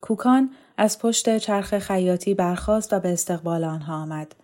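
A woman narrating a novel in a calm, measured audiobook reading. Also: lowish voice.

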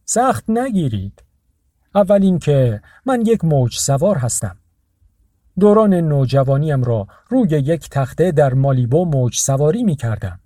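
A man's voice: a little high, sing-song, mellow, dry recording, studio quality. Man reading a cool boastful homeless surfer. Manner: laid-back, boastful, slightly rough.

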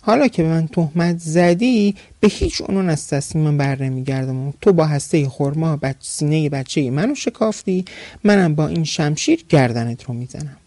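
A man voicing an ugly, vengeful male ifrit who shouts threats in a storybook tale. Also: on the high side, expressive, dry recording. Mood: enraged.

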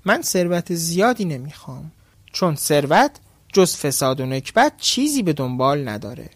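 A man's voice: on the high side, big pitch swings, no room sound. A poor but cunning fisherman from a storybook, sly and mocking, as a male narrator plays him. His voice sits close and dry.

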